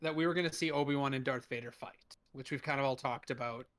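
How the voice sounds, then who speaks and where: A man's voice: medium pitch, fast, a bit bright. A young man co-hosting a casual fan podcast, rambling through his ideas with jokes and casual swearing. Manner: rambling, jokey, casually profane. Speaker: podcast co-host. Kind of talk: casual chat.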